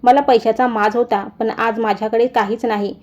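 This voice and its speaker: A woman's voice: on the high side, fairly even intonation, normal speed, darkish tone, natural voice. A woman doing a humbled young sister. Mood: tearful. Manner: tearful pleading.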